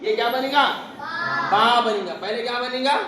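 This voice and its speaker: Male religious teacher, high voice, call-and-response drilling, echoey room and distant mic with background noise. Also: moderate pace. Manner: asks questions and repeats the answers. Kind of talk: classroom lesson on Arabic letters.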